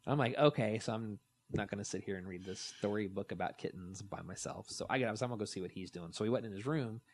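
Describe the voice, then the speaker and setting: Lower-voiced man telling animated stories. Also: fast, a little hiss or hum. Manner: animated storytelling, acts out quotes. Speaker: podcast co-host. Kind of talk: casual chat.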